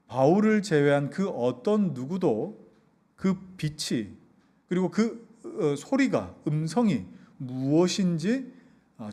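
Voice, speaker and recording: A man's voice: a little high, dark tone. A male pastor giving an expository sermon, asking the congregation rhetorical questions as he goes. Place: church hall in a basement.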